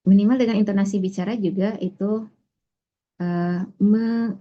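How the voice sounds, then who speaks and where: Woman, online tutor, patient explainer, mid-pitched voice, slightly dull lo-fi recording. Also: steady tone, normal speed. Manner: patient, explanatory, many fillers and restarts. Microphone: online class recording. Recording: muffled lo-fi online class audio.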